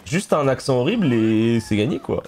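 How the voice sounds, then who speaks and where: A man's voice: mid-range voice, sing-song, moderate pace, darkish tone, soft background music. Chatty young French man streaming. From France. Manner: chatty, storytelling, laughs often. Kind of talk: casual live-stream chat while gaming.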